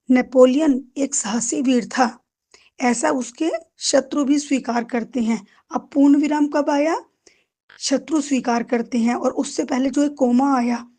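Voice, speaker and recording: A woman's voice: high voice, mellow. A woman teacher giving a grammar lesson to school students, addressing them affectionately as children and answering her own questions. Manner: asks the class questions and answers them herself.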